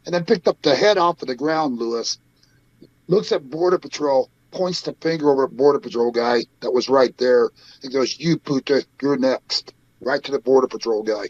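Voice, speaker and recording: A man's voice: on the high side, dry recording, lo-fi sound. A man from Idaho, a guest on a talk show, telling stories emphatically and acting out what people said. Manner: emphatic storyteller, quotes people in lively bursts. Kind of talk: remote interview guest.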